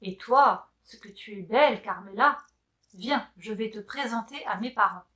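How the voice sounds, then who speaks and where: A woman's voice: mid-range voice, moderate pace, a bit bright, lightly acted. Woman voicing a shy, kind little rooster. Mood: admiring. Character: friendly young red rooster, shy and kind.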